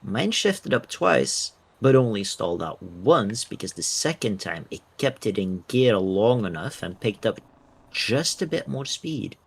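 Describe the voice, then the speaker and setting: A man's voice: on the low side, animated, unhurried, breathy edge. A man playing a driving game with a friend, chatting casually and throwing in dry jokes. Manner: joking, dry quips. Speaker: co-player. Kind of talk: casual gameplay chat.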